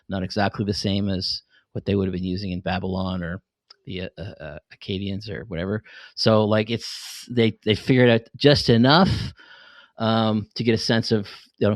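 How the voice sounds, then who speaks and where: A middle-aged man who hosts a podcast and writes fiction talks casually, explaining things in an enthusiastic, rambling way. His voice is lowish and the recording is dry.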